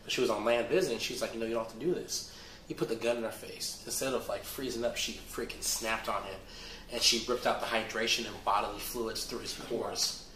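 A man hosting a casual movie news show, hoarse as his voice comes back, talking in a laid-back, slangy and enthusiastic way. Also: lowish voice, steady tone, a little fast, bright, forceful tone, a little hiss or hum. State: hoarse, recovering voice. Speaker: host. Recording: echoey room.

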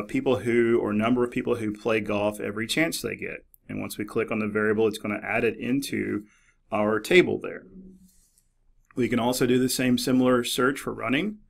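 A middle-aged man narrating a screen-recorded tutorial in a relaxed, explanatory way, with many fillers and restarts. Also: lowish voice, vocal fry. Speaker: librarian demonstrating a database. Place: office.

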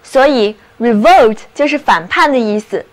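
A young woman hosting a scripted English vocabulary lesson, spelling words letter by letter and slowly repeating example sentences. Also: fairly high pitch, animated.

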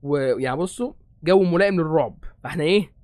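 A man's voice: fairly high pitch, quick pace, darkish tone, no echo. A young Egyptian man hosting a horror game playthrough, rambling and joking nervously. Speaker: gaming host.

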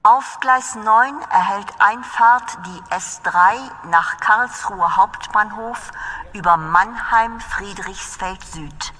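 A woman voicing a railway announcer, making flat, formal, measured platform announcements. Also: medium pitch. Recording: long reverberant station PA.

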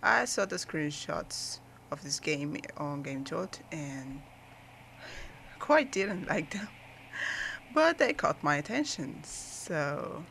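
A woman talking through a game in a slow, unhurried way with low-key, understated remarks. Her voice sits a little low and has a gravelly, fry-edged texture. A faint hiss runs under her speech. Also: lively intonation, a bit bright. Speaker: let's play host. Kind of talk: gaming commentary.

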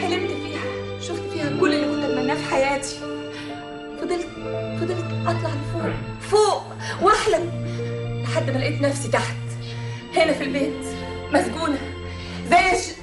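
An actress playing a bitter Egyptian wife. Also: female voice, high-pitched, reverberant, close to an everyday voice. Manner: bitter, reproachful complaining. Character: resentful neglected wife, adult woman. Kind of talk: stage comedy acting.

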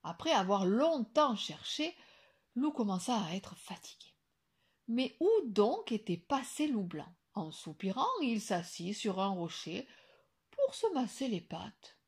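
Animated woman reading a children's story. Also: mid-range voice, a little slow, husky. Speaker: teacher. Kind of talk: children's story read-aloud.

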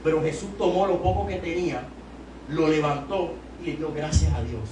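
The preacher is a young adult from Puerto Rico whose voice is a little high and paced moderately, with a Puerto Rican Spanish accent. Handheld mic in hand at a small church's pulpit, he exhorts a youth service, surging to loud emphatic peaks. A distant camera catches the noisy, echoey space.

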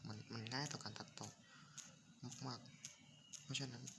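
A man's voice: medium pitch, steady tone, unhurried, very noisy. Stuffy-nosed man joking through a game. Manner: rambling, joking, swears, talks to viewers. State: stuffy nose. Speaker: gaming YouTuber. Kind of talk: casual Minecraft let's play commentary. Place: home room at night. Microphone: desk mic.

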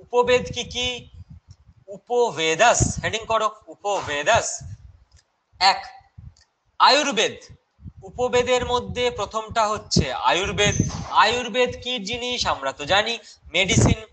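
A man's voice: sits high, lively intonation, a little slow, pauses often, sharp tone, a little hiss or hum, rough recording. A young man with a Bengali accent teaching a live online exam-prep class, chatty and mixing in English terms while answering viewers' questions.

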